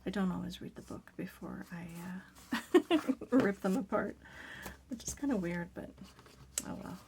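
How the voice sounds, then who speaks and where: Raspy-voiced woman, casual crafting host, soft-spoken, drifts into whispers. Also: on the low side, measured pace, a little hiss or hum. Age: adult parent.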